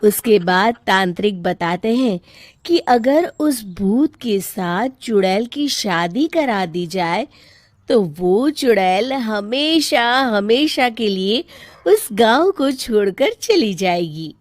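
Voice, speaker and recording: Slow, expressive woman storyteller. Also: mid-range voice, dry recording. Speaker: story narrator. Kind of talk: scripted story narration.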